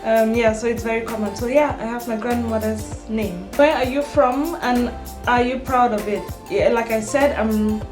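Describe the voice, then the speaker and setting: A woman's voice: fairly high pitch, steady tone, normal speed. A young woman from Cameroon, chatting casually in a get-to-know-me vlog, full of ums and self-corrections. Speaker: vlogger. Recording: echoey room with background music.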